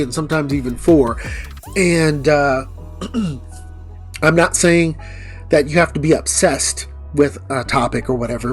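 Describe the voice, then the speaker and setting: A man in a casual monologue who rambles a little and reads a long list quickly, slightly out of breath. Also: on the high side. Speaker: vlogger.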